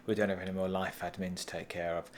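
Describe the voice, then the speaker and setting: A man's voice: low-pitched, level tone, fast. A man hosting a travel vlog, chatting casually at night in a room with a dry, teasing humor. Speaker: vlogger host. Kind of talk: casual chat.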